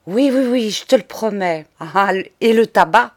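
A woman's voice: medium pitch, expressive, unhurried. A woman doing a cheeky, defiant young boy. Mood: earnest.

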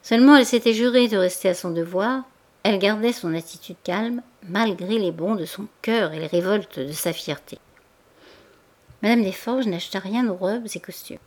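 A woman narrating a classic novel as an audiobook in a measured, even literary reading. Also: medium pitch. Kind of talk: scripted narration.

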